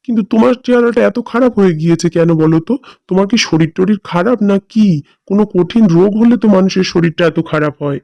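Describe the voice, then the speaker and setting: A friendly young nephew in a cartoon drama, voiced by a man. He speaks quickly, warmly and curiously in a high, mellow voice, with dry close sound. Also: vocal fry, no room sound, lo-fi sound. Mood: concerned. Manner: warm and inquisitive.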